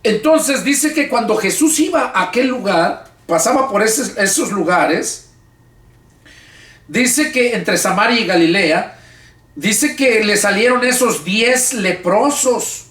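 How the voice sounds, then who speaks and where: A man's voice: high voice, lively intonation, slow pace, a bit bright, echoey room, far from the mic. A male pastor leading a Bible study, reading scripture aloud and then explaining it in casual, everyday words with frequent restarts. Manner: casual, colloquial speech with repeated restarts.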